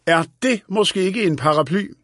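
Guy doing a cranky forgetful old lawyer, high fussy voice, dry close sound. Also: expressive, fairly bright tone, no echo. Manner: querulous, scolding, raised voice. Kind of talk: audiobook character voice.

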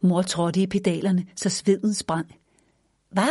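A woman narrating a children's storybook in a gentle, even read-aloud manner. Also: lowish voice, slightly rough, no echo, studio quality.

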